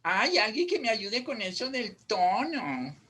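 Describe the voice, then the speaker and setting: A woman's voice: very animated, slow pace, fairly bright tone, breathy edge. A woman leading an oral expression workshop on a video call, affectionate and full of diminutives, moving her voice up and down to show tone. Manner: affectionate, uses diminutives, swings between high and low voice to demonstrate tone. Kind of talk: casual teaching over a video call.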